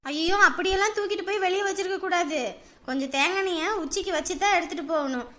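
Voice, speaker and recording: A woman playing a scolding middle-aged village mother-in-law in a family drama, with a sharp tongue. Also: very high-pitched, fast talker. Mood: fussing.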